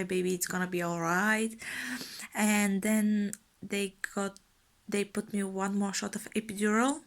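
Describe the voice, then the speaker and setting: A young woman, not a native English speaker, slowly telling her own story in a halting way with soft breathy asides. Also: mid-range voice. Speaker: new mother telling her birth story. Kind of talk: casual personal storytelling.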